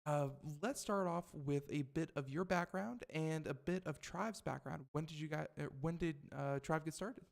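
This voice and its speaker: A man's voice: a little high, normal speed, gravelly, hardly any pauses. A man hosting a podcast, asking casual, loosely phrased questions with fillers. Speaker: podcast host. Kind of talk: podcast interview.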